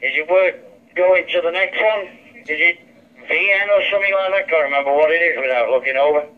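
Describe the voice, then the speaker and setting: Coming through a handheld radio's dull lo-fi speaker, a man with a voice on the high side talks a little fast. He's an amateur radio operator in casual two-way chat.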